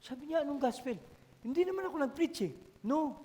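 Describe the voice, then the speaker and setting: A man's voice: very high-pitched, lively intonation, a little fast, dark tone. A male pastor with a Filipino accent preaching a sermon in a storytelling way, often calling out to the congregation. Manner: storytelling, code-switching, asks the congregation for responses. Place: church hall. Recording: long church-hall reverb.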